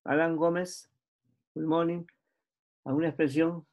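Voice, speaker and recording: A man's voice: fairly high pitch, little pitch movement, a little slow, a little mellow. Patient man teaching English. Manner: patient, repeats phrases and translates into Spanish. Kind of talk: online English lesson.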